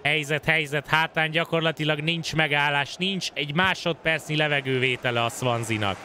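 A man giving excited sports commentary on a football video game, stretching out his calls as he follows play. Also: on the high side, slight background noise. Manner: excited, swinging into drawn-out shouts at chances. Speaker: gaming host and match commentator.

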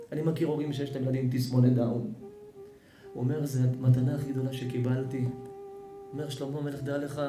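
A man, a rabbi, giving an emotional sermon, swinging between loud outbursts and hushed storytelling. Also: medium pitch. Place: synagogue or event hall. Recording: echoey hall with music behind.

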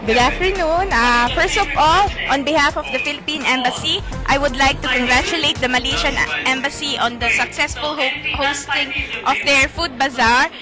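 A woman speaks formally and politely into a handheld mic in an outdoor plaza. Her voice is high. Loud music plays behind her. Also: normal speed. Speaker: vice consul guest. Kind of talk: formal event interview.

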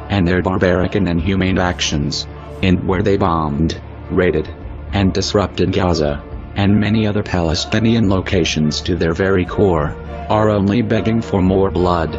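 Man, disguised deepened voice, very low, solemn measured delivery, muffled lo-fi sound, faint music behind. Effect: disguised, digitally deepened voice. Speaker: anonymous spokesperson. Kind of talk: scripted statement.

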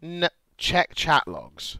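A young man chats casually on a livestream, rambling and swearing with an easy, giggly energy. His voice is bright and sits a little high, moving around a lot in pitch. The sound is close and dry. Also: extremely slow, gravelly, no room sound. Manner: excitable, profane, rambling, giggly. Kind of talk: casual livestream reaction chat.

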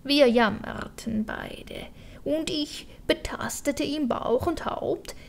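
Grieving male crow, read by a woman: lamenting and pleading, slow and gravelly, for an audiobook. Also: high-pitched, voice pushed up, full character voice. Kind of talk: audiobook verse reading.

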